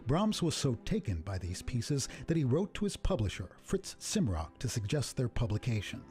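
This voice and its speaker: A man giving a scripted documentary narration about a composer, in a measured, even storytelling manner. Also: mid-range voice, faint music behind. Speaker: program narrator.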